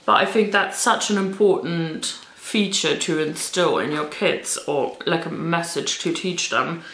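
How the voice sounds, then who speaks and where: A woman's voice: deep voice, measured pace, a bit bright, a little hiss or hum. A woman chatting informally in a casual vlog style as she recommends books, with self-deprecating asides. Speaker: children's book reviewer. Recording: roomy, echoey indoor sound.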